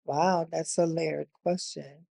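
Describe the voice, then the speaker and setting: Gravelly-voiced woman telling her story. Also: sits low, steady tone, dark tone, dry recording, studio quality. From Newark, New Jersey. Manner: reflective, halting, with frequent fillers. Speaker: interview guest. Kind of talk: candid personal storytelling.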